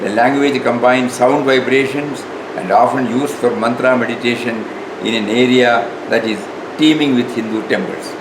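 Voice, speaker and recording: A man with a South Indian accent giving an informal spiritual lecture in a halting, repetitive way. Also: mid-range voice, steady tone. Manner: halting, repeats words, tags questions with "no". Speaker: spiritual teacher. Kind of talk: informal spiritual lecture, partly reading aloud. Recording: echoey room with clear background noise.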